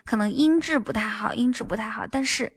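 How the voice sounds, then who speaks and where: A woman's voice: fairly high pitch, brisk, breathy edge. A woman hosting a live stream, chatting playfully, repeating herself and laughing often. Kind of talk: casual live-stream chat.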